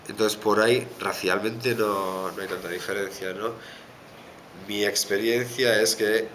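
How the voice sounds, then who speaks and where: A man from the Basque Country with a Basque Spanish accent, answering interview questions thoughtfully with many pauses and fillers. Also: deep voice. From Basque Country, Spain. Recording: background noise.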